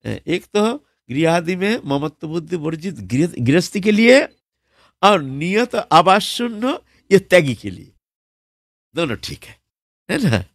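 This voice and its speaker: Gravelly-voiced man giving a sermon. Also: high voice, big pitch swings, dry recording, studio quality. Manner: unhurried, with frequent fillers and restarts. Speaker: religious preacher. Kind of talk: devotional storytelling sermon.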